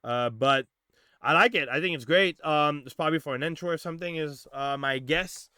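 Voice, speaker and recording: A man hosting a live review stream from his home studio, his voice bright and forceful, smooth and crisp, set against a dry, close sound. He talks in a loose, rambling way, full of fillers and easy swearing. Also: fairly high pitch, normal speed, dry recording. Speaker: music producer hosting a demo review stream. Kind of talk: casual live-stream chat and feedback. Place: home studio on a Discord call.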